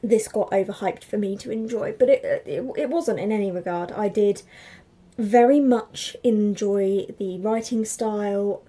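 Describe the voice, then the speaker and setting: Chatty young woman, mellow voice. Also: mid-range voice. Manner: chatty, rambling with many fillers and restarts. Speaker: book vlogger. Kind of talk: casual book review.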